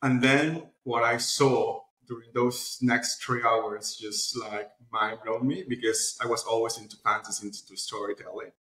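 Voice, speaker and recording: With a fairly bright, mid-range voice, the founder of a platform speaks at a measured pace with few pauses and fairly even intonation. As an interview guest, he recounts his story in a loose, casual way, and his voice echoes in a roomy recording.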